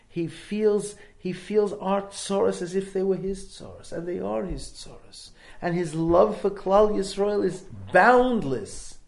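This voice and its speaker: A man's voice: high-pitched, gravelly, darkish tone. A man giving a rabbi's sermon, emphatic, repeating phrases with building intensity. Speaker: rabbi giving a religious talk.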